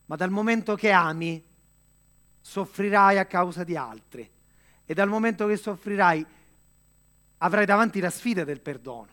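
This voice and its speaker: A man delivering a sermon in an earnest, measured way, with dramatic pauses and direct questions to the listener. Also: sits high, a bit bright. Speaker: preacher.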